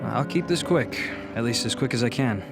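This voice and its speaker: A genial gentleman scientist, pleased with himself and obsessive. His delivery is chatty, wry and theatrical, as in a radio drama, over clearly audible music. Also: mid-range voice, expressive, normal speed. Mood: self-important. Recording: music under the voice.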